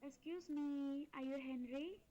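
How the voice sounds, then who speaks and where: A woman's voice: high voice, slow, mellow, lo-fi sound. A young woman student reading a dialogue aloud, nervous and careful.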